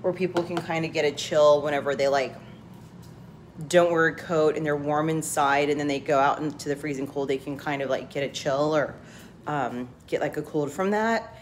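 Speaking at a moderate pace in a deep, steady voice, a woman chats casually to camera, rambling with many fillers. A head cold leaves her congested, and her emptied home office sounds echoey, with slight background noise.

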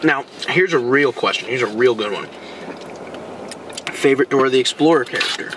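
A man's voice: mid-range voice, fairly quick, recorded from a distance. Young guy, rambling, a bit away from the mic, noisy car audio. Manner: rambling, thinking out loud with restarts. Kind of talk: casual chat.

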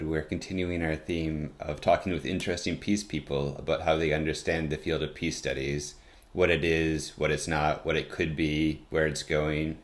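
A man hosting a podcast on a video call and giving a measured, friendly introduction. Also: rumbling low. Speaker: host.

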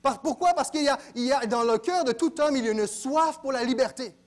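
A man preaching a sermon in a church, dropping to quiet asides and then rising to loud exclaims. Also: very high voice, a little fast. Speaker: pastor.

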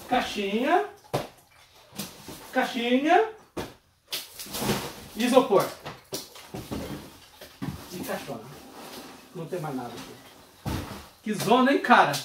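Lively excited collector, roomy and distant. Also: medium pitch. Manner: excited exclamations, reading out item names. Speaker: collector unboxing retro game cartridges. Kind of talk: casual unboxing vlog. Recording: roomy echo, voice away from mic, faint noise.

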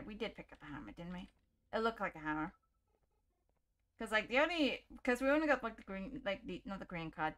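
A female gaming YouTuber provides casual let's-play commentary, jumpy and chatty, often laughing and talking to the game as she plays. Her voice is mid-range and a bit bright.

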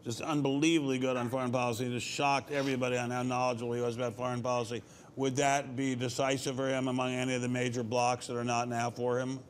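A man's voice: medium pitch, flat delivery, quick pace, slight background noise. A man commenting on a political panel, stammering and emphatic. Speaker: conservative commentator. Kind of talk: panel discussion.

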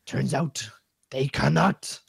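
A man's voice: medium pitch, slow, creaky, a crowd in the background. A man playing a tabletop game over voice chat, stammering through hesitant in-character excuses. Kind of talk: casual in-character game banter.

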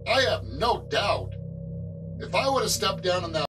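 A middle-aged man tells his own account off the cuff in a fairly high voice with lively swings in pitch. Music sits clearly behind him. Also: a little slow. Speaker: amateur ghost investigator. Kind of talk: spontaneous first-hand account on camera. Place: indoors at home.

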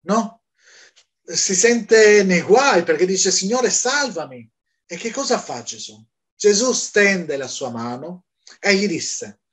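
A man preaching a Bible study, asking questions and answering them himself. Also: high-pitched. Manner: animated, asks and answers his own questions.

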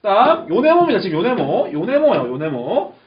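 Emphatic male math teacher, animated pitch. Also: brisk. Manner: emphatic, repeats key terms, checks understanding. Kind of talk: classroom math lecture. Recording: echoey lo-fi classroom recording with faint hiss.

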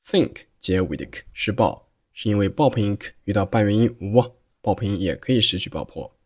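A man teaching English pronunciation, explaining slowly and carefully and reading example sentences aloud. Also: on the low side, expressive, a little mellow. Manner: slow, careful demonstration of sounds.

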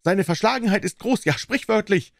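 A man voicing a smooth, evasive older male asylum director with a lively, insisting manner. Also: medium pitch, normal speed, no room sound, studio quality, voice pushed down. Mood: shouting.

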